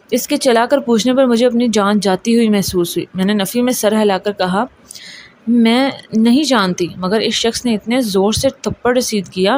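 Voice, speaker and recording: A woman reading out a sad, first-person story as narrator, voicing the other people's lines in her own plain voice. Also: medium pitch.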